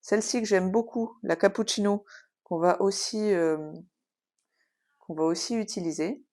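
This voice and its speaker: A woman's voice: mid-range voice, measured pace, a little mellow. Hesitant woman explaining craft swatches. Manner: hesitant, many filler sounds; chatty, explanatory. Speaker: craft tutorial host. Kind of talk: casual tutorial demonstration.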